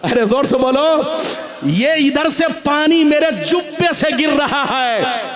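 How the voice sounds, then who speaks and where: High-pitched, booming male preacher. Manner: exhorting, calling on the crowd to respond loudly. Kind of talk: booming sermon to a crowd. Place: large religious gathering. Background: crowd.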